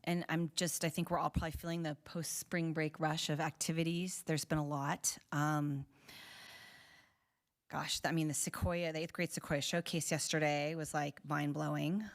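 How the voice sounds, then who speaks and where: A woman with a low voice speaks as a trustee at a school board meeting. She gives a string of thanks and congratulations, pausing often on ums. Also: level tone. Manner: warm thank-yous with many ums.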